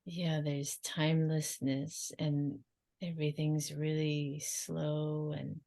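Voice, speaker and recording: Low, creaky woman channelling in slow trance. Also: completely flat delivery, warm tone. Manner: halting, drifting phrases with long silences. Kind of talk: trance channelling, like a seance medium.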